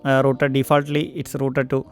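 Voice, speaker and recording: A man with an Indian English accent walking through audio interface settings in a tutorial, pausing often for mic checks and fillers. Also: mid-range voice, monotone, faint music behind. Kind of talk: screen-recorded software tutorial. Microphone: studio microphone.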